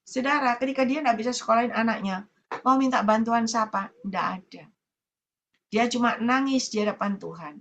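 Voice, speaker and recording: Bright-voiced woman preaching with animation. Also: a little high, normal speed. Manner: animated storytelling, acting out a tearful congregant. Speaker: evangelist preacher. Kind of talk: sermon with testimony. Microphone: online prayer meeting broadcast.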